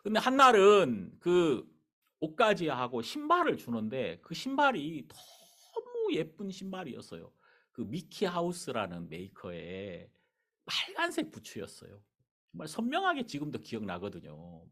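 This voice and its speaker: Pastor guy telling a story from the pulpit, chatty and animated, voice jumps all over. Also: on the high side, measured pace. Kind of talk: sermon storytelling.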